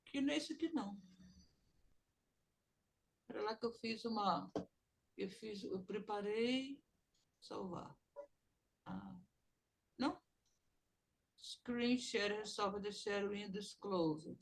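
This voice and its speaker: A woman teaching English in an online class, explaining slowly and mixing English phrases into her talk over a video call. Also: medium pitch, creaky, slight background noise.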